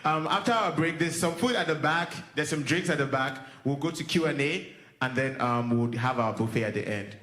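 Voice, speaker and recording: A man's voice: a little high, normal speed, a bit bright. A man hosting a church singles event who jokes with the crowd and calls for rounds of applause. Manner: upbeat, joking, calls for applause. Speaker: event host. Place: large hall with an audience. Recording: echoey hall with crowd noise.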